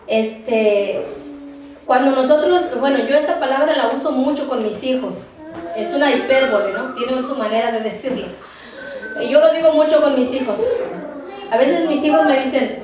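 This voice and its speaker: High-voiced woman teacher in an echoey room. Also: noisy background. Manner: halting, repeats words, tags phrases with "¿verdad?"; spells words out slowly for note-taking. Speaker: Bible class teacher. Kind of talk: Bible study lecture. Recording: very echoey room, distant mic.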